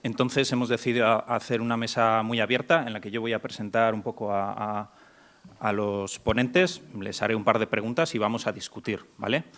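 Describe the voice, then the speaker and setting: A man's voice: on the low side, steady tone, brisk, fairly bright tone. Hesitant Mexican-born man moderating a panel. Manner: hesitant, many restarts and fillers. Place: conference hall.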